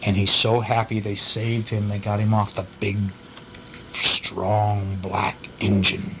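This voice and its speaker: A man reading a bedtime story aloud to his young child at home, pausing gently to ask questions about the pictures. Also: on the low side, flat delivery, background noise.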